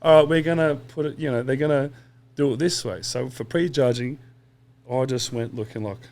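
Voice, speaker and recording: A man's voice: mid-range voice, fairly quick, a little mellow. A man, a podcast guest telling long stories in a casual, rambling way with quoted asides and swearing. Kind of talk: casual interview chat.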